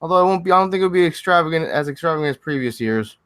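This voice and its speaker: A man's voice: on the high side, animated, very fast, fairly bright tone, no room sound. Chatty young man hosting a podcast. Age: young adult. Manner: loose and chatty, often restarting sentences. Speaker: podcast host. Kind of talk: casual gaming podcast chat.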